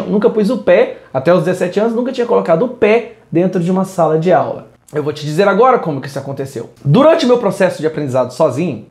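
A man's voice: sits high, a little mellow, roomy sound. A man teaching an English lesson, moving between English and Portuguese in an upbeat, direct way. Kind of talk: video lesson.

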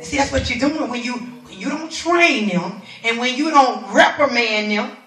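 A woman minister preaching a sermon in a church, animated and colloquial, laughing as she talks and trading call-and-response with the congregation. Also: on the high side, moderate pace. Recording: echoey room from far off.

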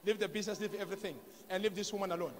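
High-pitched commanding preacher. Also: male voice, fairly even intonation, very fast. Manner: insistent repeated questions, commanding shouts. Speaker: prophet leading deliverance. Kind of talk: deliverance ministry questioning. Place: large church hall. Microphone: handheld mic. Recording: long hall reverb, faint background noise.

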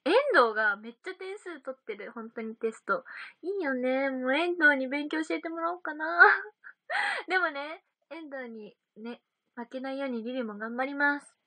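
A woman's voice: high voice, expressive, normal speed, pushed and bright, dry recording. A young woman chatting casually on a livestream, reading out viewer comments and giggling often. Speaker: idol livestream host.

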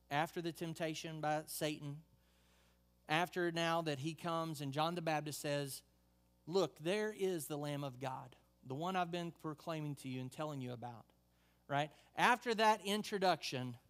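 A male pastor preaching a sermon in a conversational way, reading scripture and adding asides. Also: on the high side.

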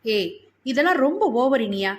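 Woman doing a gentle father, coaxing, soft, fairly high voice, audiobook. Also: big pitch swings, moderate pace. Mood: reasoning. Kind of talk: audiobook character voice.

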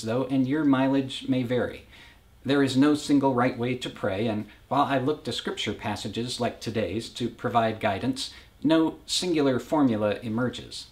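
Man giving a reflective sermon. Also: mid-range voice. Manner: reflective, personal, measured preaching. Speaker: pastor.

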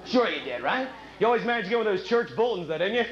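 A male stand-up comedian runs through a chatty routine in a high, sing-song, rapid-fire voice, teasing the crowd with rhetorical questions and laughing at his own jokes. The club recording is echoey and muffled, with loud noise.

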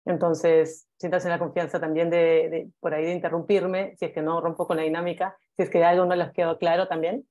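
A woman in her forties, a guest editor, presenting to students over a video call in a relaxed, friendly way. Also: on the low side, a little fast, hardly any pauses. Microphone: video call with earphones.

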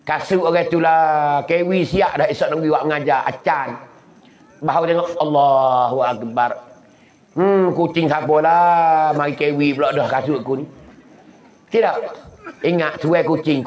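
A southern Thai Islamic preacher with a Patani Malay accent delivers a down-to-earth religious talk, acting out animal noises in his tales. He has a fairly high voice with a darkish tone and a measured pace, captured in an echoey, low-fidelity recording.

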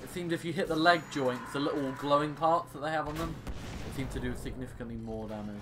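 With game sound clearly behind him, a young gaming video host talks fast in a voice on the high side. His casual gameplay commentary is rambling and exasperated, with joking complaints and mild swearing. Background noise and video game action sounds fill the recording.

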